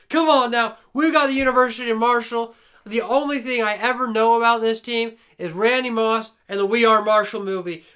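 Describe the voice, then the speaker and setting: A young man calls a video game match play by play, his voice pitched very high and bright. He sounds hoarse from shouting and keeps the hype going while chatting to viewers like a friend. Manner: hyped, exclamatory, talks to viewers like a buddy. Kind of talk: excited play-by-play commentary.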